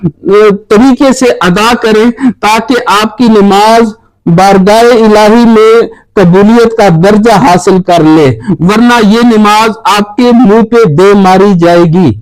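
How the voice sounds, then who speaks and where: A man acting as spiritual teacher, giving a religious talk and earnestly urging his listeners in slow, emphatic phrases. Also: high-pitched, rough recording.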